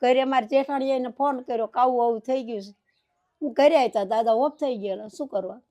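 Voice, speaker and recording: A woman's voice: a little high, a little fast, dark tone. An older woman with a rural Saurashtra Gujarati accent, crying as she tells her story in an interview and repeating that she doesn't know what to do. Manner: grieving, repeats "what can I do?". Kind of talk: tearful personal account.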